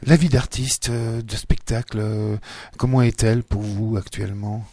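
A man's voice: fairly low pitch, fairly even intonation, moderate pace, dark tone, no room sound. Hesitant male radio host, dry sound. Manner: hesitant questions with fillers. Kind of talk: radio interview.

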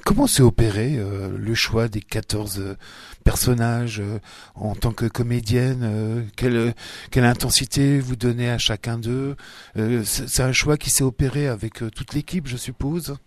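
A man's voice: mid-range voice, fairly even intonation, normal speed, no room sound. A man hosting a radio interview, asking questions with many fillers. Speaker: radio host.

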